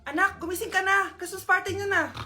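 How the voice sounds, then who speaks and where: A woman's voice: very high voice, fairly even intonation, brisk, bright, forceful tone. A woman performing short comedy skits, switching between many characters. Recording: faint music underneath.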